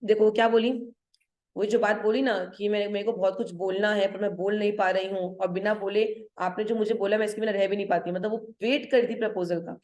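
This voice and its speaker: A woman's voice: medium pitch, fairly even intonation, a little mellow. Hindi-teacher woman explaining a play. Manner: switches between Hindi and English, checks understanding with "ठीक है?"; reads quoted verse lines slowly. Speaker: English literature teacher. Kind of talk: line-by-line lesson explanation.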